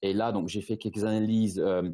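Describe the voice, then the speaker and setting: A man's voice: on the low side, flat delivery, mellow. A man from Britain with a British English accent, presenting a webinar over a video call in French, hesitant with many restarts. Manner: halting, many restarts and fillers. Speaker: guest speaker, e-commerce agency head.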